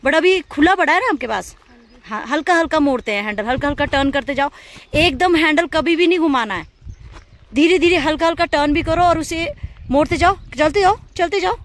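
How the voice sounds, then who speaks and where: High-voiced woman coaching a scooter rider. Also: brisk. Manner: encouraging, coaxing, repeats cues like "shabash". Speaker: scooter driving instructor. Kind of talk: hands-on instruction. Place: outdoors on a hilly slope.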